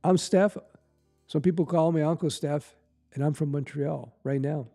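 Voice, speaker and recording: Soft music plays behind a middle-aged Canadian livestreamer as he chats casually with viewers, answering their questions in a meandering way full of fillers and restarts. He speaks at a moderate pace in a fairly high, creaky voice with a dark tone.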